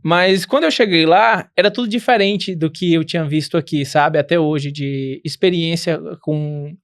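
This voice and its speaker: A man's voice: a little high, normal speed. A man with a Brazilian Portuguese accent, a podcast guest telling a rambling travel story with many restarts. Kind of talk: casual interview.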